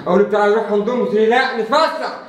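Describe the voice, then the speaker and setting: A man with an Egyptian accent playing a remorseful son who pleads and shouts in anger. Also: sits high, fairly even intonation, racing, roomy sound, lightly acted. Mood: furious. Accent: Egyptian Arabic. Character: guilty grown son, remorseful and hot-tempered. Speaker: grieving son. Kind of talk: web drama acting.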